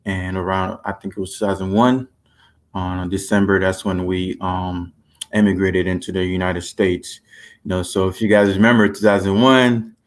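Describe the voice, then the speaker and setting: A man in his twenties from Haiti, speaking as an interview guest. His voice sits fairly low, and he talks in a relaxed, easygoing way, chuckling now and then and filling pauses with plenty of ums. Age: 20s. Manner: relaxed, chuckling, with many fillers. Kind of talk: casual interview.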